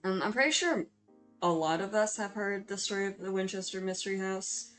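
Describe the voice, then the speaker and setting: Hosting a speedpaint of her drawing, this woman speaks briskly in a mid-range, slightly bright voice while music plays underneath. She keeps things casual and chatty, sounding hesitant and apologetic and often putting herself down.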